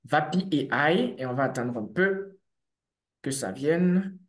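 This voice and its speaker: A man, a developer and business owner, giving a lively conference talk and speaking straight to his audience while sharing his screen. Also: a little high, slow, echoey room. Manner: animated, conversational, addresses audience directly.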